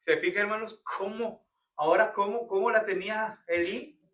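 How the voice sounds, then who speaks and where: High, bright man teaching Bible study. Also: steady tone, normal speed. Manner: questioning the congregation often, repeating "hermanos". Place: church. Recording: roomy church hall, picked up from a distance.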